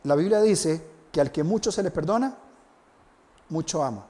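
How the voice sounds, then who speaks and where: A male pastor delivering a sermon with a voice pitched a little above most men. He speaks reflectively and earnestly, posing questions to his listeners and dwelling slowly on scripture. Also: animated, warm tone. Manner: reflective, with rhetorical questions and slow scripture reading.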